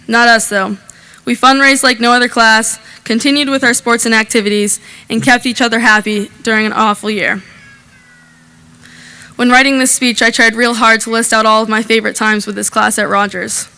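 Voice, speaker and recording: A woman's voice: a little high, level tone, moderate pace, pushed and bright, clear, resonant tone. A young woman, senior class president, giving an upbeat and proud speech into a podium microphone at an outdoor graduation. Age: young adult. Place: outdoor graduation on a school field.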